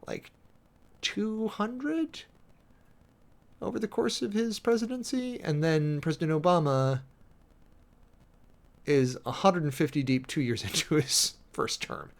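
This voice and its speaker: In a fairly high, animated voice, a man reads through a document on stream and adds his own commentary as a streamer and preacher. Sardonic, wry asides punctuate the reading, which jumps between rapid delivery and deliberate, halting stress.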